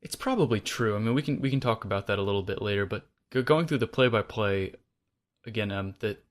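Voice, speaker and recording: Male podcast co-host, casual chat, dry deadpan delivery. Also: fairly low pitch, fast.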